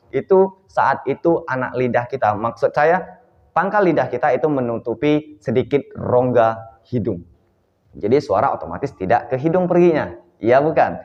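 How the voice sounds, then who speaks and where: A man's voice: mid-range voice, big-room sound, lo-fi sound. A man giving a vocal lesson, often asking "ya kan?" and breaking into short sung demos. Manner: checks in often with "ya kan?" and sings short demo notes. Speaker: vocal coach.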